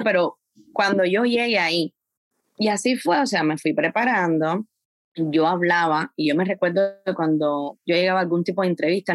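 A woman guest on a podcast, telling her story in a lively, conversational way. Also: on the low side, dry recording. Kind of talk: casual conversation.

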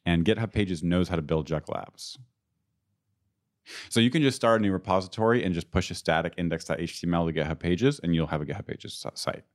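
A man with a low, unhurried voice, getting over being sick, chatting casually about technical work as a co-host. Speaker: podcast co-host. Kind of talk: casual tech chat.

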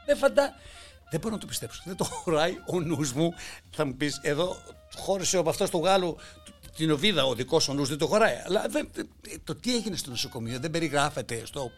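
A man delivering a mocking satirical monologue, swinging between loud outbursts and hushed asides. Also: a little high, expressive, faint music behind. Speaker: satirical commentator.

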